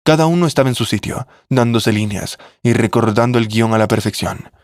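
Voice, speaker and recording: A man narrating a family drama story in a steady, measured way. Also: on the low side, dry recording, clean studio sound.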